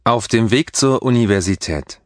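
A man reading scripted textbook dialogue for a language course with slow, careful enunciation. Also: medium pitch, dry recording, clean studio sound.

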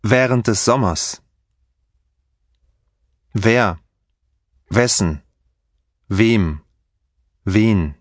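A man reading scripted textbook dialogue for a language course with slow, careful enunciation. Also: on the low side, animated, no room sound, clean studio sound.

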